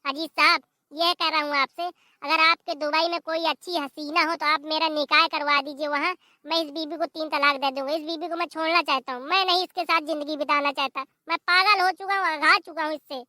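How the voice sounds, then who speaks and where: A voice actor playing an exasperated middle-aged village husband in an animated comedy, scolding and complaining loudly. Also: high voice, a little fast, dry recording, clean studio sound.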